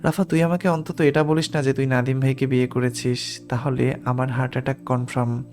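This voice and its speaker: A man's voice: mid-range voice, little pitch movement, a little fast, darkish tone, close to an everyday voice. A man voicing a frightened young woman who pleads urgently, in an audiobook reading. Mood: anxious.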